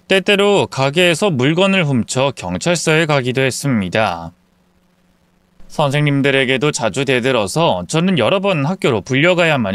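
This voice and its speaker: A man narrating a first-person life story in a calm, earnest, confiding way. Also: mid-range voice, smooth, no room sound.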